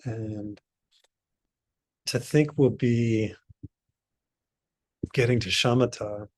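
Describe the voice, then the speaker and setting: A man leads a meditation group, speaking slowly and easily, pausing often as he thinks aloud. His voice is of middle pitch and sounds dry and close, as on a video call. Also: no echo. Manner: relaxed, unhurried, thinks aloud with pauses. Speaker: meditation teacher. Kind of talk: casual talk to a meditation group.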